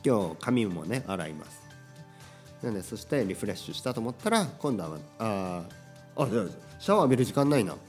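A man's voice: fairly low pitch, very animated, fairly quick, a little mellow, soft background music. A Japanese man hosting his own podcast, talking casually and energetically with many little tag questions. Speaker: podcast host teaching Japanese. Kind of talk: casual solo podcast talk.

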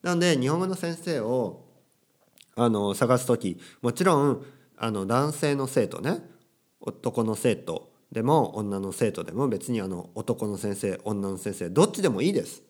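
A man's voice: medium pitch, lively intonation, normal speed, darkish tone. A young man teaching casually, with playful quotes of characters and phrases. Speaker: Japanese teacher. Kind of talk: casual language lesson.

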